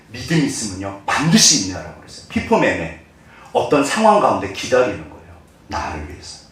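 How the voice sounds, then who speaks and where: A man preaching a sermon as a pastor, animated, moving between loud exclamations and soft, hushed quotes. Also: on the high side. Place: church sanctuary. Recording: echoey church hall, mic at a distance.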